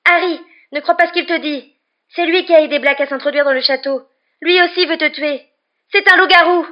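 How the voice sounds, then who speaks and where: A woman voicing a clever teenage girl witch with shrill, high-pitched outbursts, on a slightly muffled recording. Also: a little fast, natural voice. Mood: frantic.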